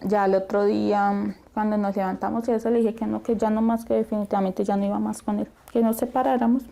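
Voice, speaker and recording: A woman's voice: medium pitch, little pitch movement, fast, creaky, dark tone, a little hiss or hum. A woman with a Bogotá accent recounting painful events as an interviewee, plain and emotional. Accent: Bogotá Colombian. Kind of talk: personal testimony.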